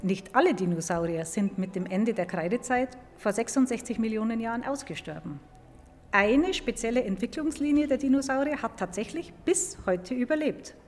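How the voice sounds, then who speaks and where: A museum paleontologist explains science in a large, echoing indoor hall, her voice fairly high, animated and darkish at a moderate pace. She is clear and didactic, driving points home through emphatic repetition. The recording is reverberant, with background noise.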